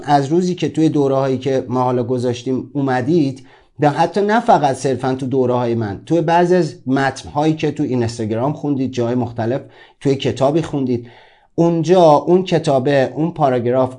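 A man with a dark-toned, medium-pitched voice teaches a self-help course. He gives an informal motivational talk, addressing his listeners directly in a conversational way.

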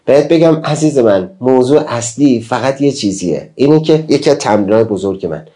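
A man's voice: medium pitch, warm tone. A man giving a motivational talk, earnest and emphatic, often asking rhetorical questions. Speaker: motivational speaker.

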